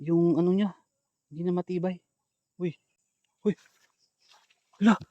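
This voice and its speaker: A young man from the Philippines leads a ghost-hunting vlog in a light, high voice. He drops to hushed asides for his viewers, then calls out loudly and chants prayers. The sound is dry and close, with no room around it. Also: steady tone, measured pace, no echo, muffled recording. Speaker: ghost hunter vlogger. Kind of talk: paranormal investigation vlog.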